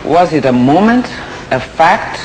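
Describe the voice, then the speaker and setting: A man interviewing, halting and searching for words, with many ums. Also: on the high side, big pitch swings, noisy background. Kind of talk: interview questions.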